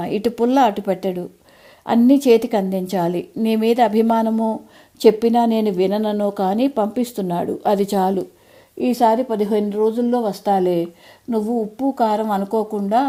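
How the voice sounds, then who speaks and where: A woman's voice: mid-range voice, fairly even intonation, moderate pace, close to an everyday voice. A woman reading an audio story, voicing a tired sixty-year-old daughter who coaxes and pleads with her elderly mother. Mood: pleading. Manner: gently insistent, coaxing.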